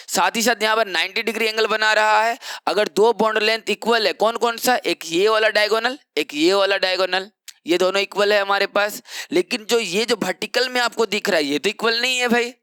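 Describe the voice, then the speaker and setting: A man's voice: high-pitched, steady tone, a little fast, pushed and bright, smooth, dry recording. A young man teaching chemistry in an exam-prep lecture, explaining step by step and asking rhetorical questions that he answers himself.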